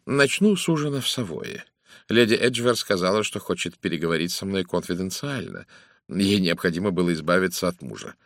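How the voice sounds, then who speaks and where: A man's voice: low voice, very animated, a little fast, vocal fry, fairly bright tone, no echo, studio quality, heavily acted. A man voicing a fussy older male detective who lectures suspects in a precise, theatrical manner. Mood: lecturing. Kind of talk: audiobook character reading.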